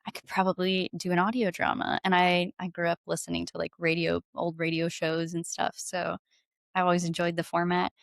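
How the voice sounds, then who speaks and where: With a fairly low voice full of vocal fry and a completely flat delivery, a singer-songwriter chats casually as a podcast guest in an enthusiastic, informal way. She speaks fairly quickly, and there's no echo.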